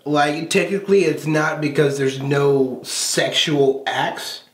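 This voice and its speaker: A man's voice: on the high side, fairly even intonation, takes it slowly. A man co-hosting a casual anime chat, enthusiastic and gushing, laughing often. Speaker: co-host of an anime review show. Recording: roomy echo.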